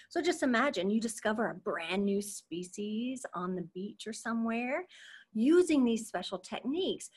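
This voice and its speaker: A young adult woman with a somewhat high, slightly rough voice teaches children an online marine science lesson over a video call from home. Her teacher voice is upbeat and chatty, and she keeps checking in with "okay?".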